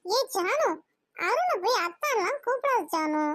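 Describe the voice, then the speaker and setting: A woman voicing a bossy squeaky mother. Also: very animated, unhurried, a bit bright, no room sound, clean studio sound, exaggerated voice. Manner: bossy, scolding. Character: fussy middle-aged mother, matchmaking woman. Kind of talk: cartoon voice acting.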